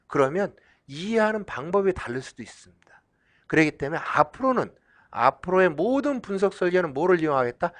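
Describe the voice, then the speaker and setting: A middle-aged man lecturing as a professor, asking questions and answering them himself. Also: fairly high pitch. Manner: drawing on the slide while talking; lively, acts out shouts in a loud voice. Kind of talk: recorded lecture.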